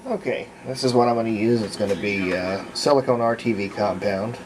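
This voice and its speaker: This man, a hobbyist restorer showing off a repair, gives an unscripted, folksy how-to that wanders as he thinks aloud. He has a fairly low voice and speaks briskly, in a low-quality recording.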